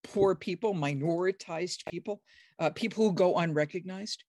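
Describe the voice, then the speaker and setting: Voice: normal speed, darkish tone, no room sound. Emphatic scholar with dry close sound. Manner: acts out quoted speech with sudden high pitch jumps; emphatic, enthusiastic, frequent restarts. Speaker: biblical scholar, guest. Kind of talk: animated explanatory conversation.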